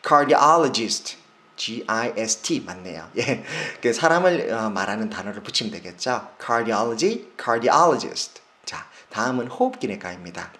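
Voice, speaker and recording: A man, a doctor, explaining medical specialties in a casual lesson, slowing down to spell and stress English terms, with frequent fillers and self-corrections. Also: fairly low pitch, lively intonation, a bit bright.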